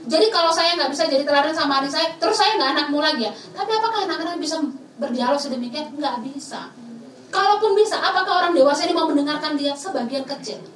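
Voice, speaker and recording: A woman's voice: sits high, animated, quick pace, fairly bright tone, recorded from a distance. A woman giving a talk to students, acting out dialogues with children, slipping English phrases in and laughing often. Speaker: speaker at a student camp session. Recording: roomy hall, from the mic, faint noise.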